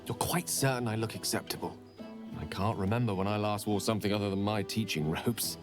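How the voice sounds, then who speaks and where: An actor playing Gale, an eloquent, warm male wizard turned academic, speaking in an articulate, gently wry manner. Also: fairly low pitch, fairly quick, close to an everyday voice. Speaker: game character. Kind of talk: video game voice acting. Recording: game audio with clear music behind. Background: music.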